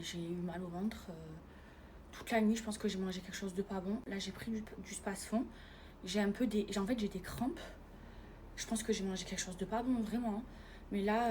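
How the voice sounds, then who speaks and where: A young French woman talking casually to her viewers from bed, often in a hushed voice. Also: medium pitch, fairly even intonation, moderate pace, a little hiss or hum. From France. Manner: chatty, hushed at night, calls viewers "les filles". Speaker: vlogger. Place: bedroom, in bed.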